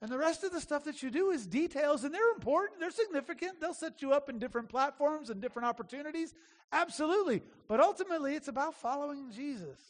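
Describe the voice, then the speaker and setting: Male preacher, very high voice, chatty emphatic sermon, long echoing hall. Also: lively intonation, fast talker. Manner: conversational preaching, emphatic repetition. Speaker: pastor.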